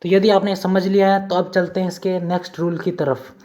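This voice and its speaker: A man's voice: high voice, flat delivery, a little fast, dark tone. A man with an Indian accent teaching English pronunciation rules step by step, often asking a question and answering it himself. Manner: repetitive, asks and answers own questions. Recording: dull lo-fi sound.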